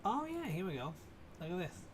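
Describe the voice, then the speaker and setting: Man streamer, chatty explainer, a touch high-pitched, light hiss behind. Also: huge pitch swings, brisk. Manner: chatty and explanatory, swears casually. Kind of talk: casual explanatory chat.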